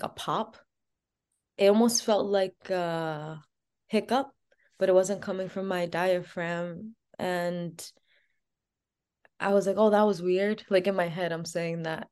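A woman as an interview guest, telling a personal story in a casual, chatty way with many "like" fillers. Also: on the low side.

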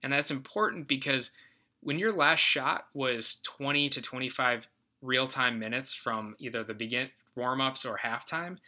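A man's voice: medium pitch, pushed and bright. A man co-hosting a sports podcast, talking up young players with enthusiasm in casual chat. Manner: enthusiastic, quick asides. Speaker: podcast co-host.

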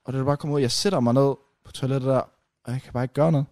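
A young man casually retelling a long night out on a podcast, rambling and animated with many restarts. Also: mid-range voice, dry recording, clean studio sound. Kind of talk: casual storytelling chat.

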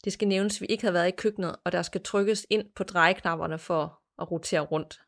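A woman hosting a podcast, reading a listener's ghost story aloud in a measured, plain storytelling manner. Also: lowish voice, steady tone. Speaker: podcast host.

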